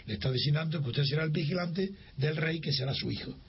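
Older man telling a story, gravelly voice. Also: on the high side, fast talker. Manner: lively storyteller who acts out dialogue, with frequent restarts. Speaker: interviewee. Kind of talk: recounting a personal memory. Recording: dull lo-fi recording with faint hiss.

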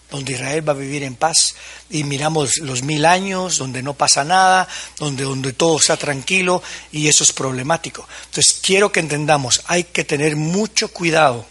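Bright, husky preaching pastor. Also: male voice, a little high. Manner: preaching to pastors, with questions and acted-out quotes. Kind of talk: sermon.

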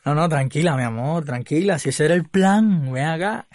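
A man's voice: a little high, lively intonation, normal speed, darkish tone, a little hiss or hum, lightly acted. A man voicing a cheeky, scheming boyfriend with a Cuban accent, coaxing and full of endearments.

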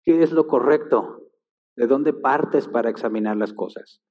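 A man's voice: mid-range voice, measured pace. A man preaching a sermon, emphatic and full of rhetorical questions. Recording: long-reverb hall, dull lo-fi sound.

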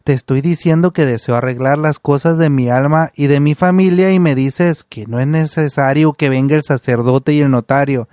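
A man's voice: fairly high pitch, moderate pace, hardly any pauses, a little mellow, dry recording, close to an everyday voice. A man voicing a dignified old general condemned to death, speaking earnestly, in a dry close recording. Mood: irritated.

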